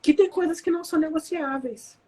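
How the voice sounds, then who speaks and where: A Brazilian woman in her thirties, a therapist appearing as a guest, speaks in a high, darkish voice at a slightly quick pace. With a Brazilian Portuguese accent, she chats animatedly in casual conversation, explaining parenting limits through everyday examples.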